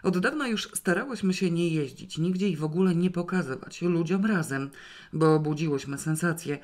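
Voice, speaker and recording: An audiobook reader telling a novel in the first person. The storytelling is wry and lively, moving easily between narration and dialogue. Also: medium pitch, normal speed.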